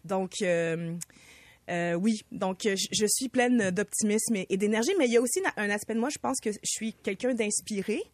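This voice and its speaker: A woman, a guest in a radio interview, speaking with many pauses, fillers and restarts. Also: mid-range voice, no room sound. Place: radio studio.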